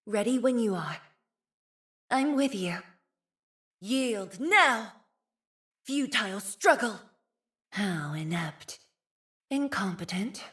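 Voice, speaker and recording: Voicing an earnest, composed scientist who leads in a video game, a young woman speaks in a soft, slightly breathy tone with formal, thoughtful, measured phrasing. These character lines come out animated at medium pitch, in a fierce and commanding mood.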